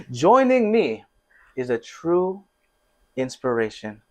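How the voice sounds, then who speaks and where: A man from Connecticut hosts his own podcast in a loose, playful chat. He hypes things up, laughs often and throws out shout-outs. His voice sits slightly higher than most men's. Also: big pitch swings, drawn-out words. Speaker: podcast host. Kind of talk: casual chat.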